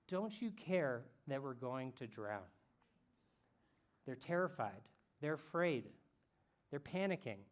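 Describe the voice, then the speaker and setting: A man speaking as a camp speaker, telling a story in a casual, slangy way that swings between loud bursts and hushed moments. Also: medium pitch. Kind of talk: youth camp talk.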